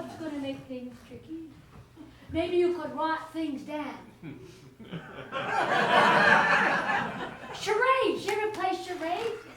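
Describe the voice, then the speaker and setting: A woman's voice: very high-pitched, exaggerated voice. An actress playing a chatty, irreverent charwoman on stage, laughing often as she talks to a silent listener. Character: chatty middle-aged charwoman, cheeky and irreverent. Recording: echoey stage sound from far off, faint hiss.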